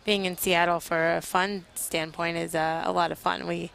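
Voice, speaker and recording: A woman's voice: on the low side, little pitch movement, normal speed, vocal fry, a bit bright, clear, resonant tone, poor audio. A woman from a military flight team giving live air show commentary as an interview guest, explaining things informally.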